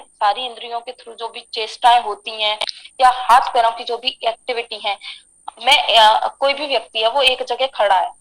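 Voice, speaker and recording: A woman with a fairly high voice lectures to an online class. She moves through the material one term at a time, often posing a question and then answering it herself. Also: fairly bright tone, low-quality recording. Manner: explanatory, asks and answers own questions. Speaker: ayurveda lecturer.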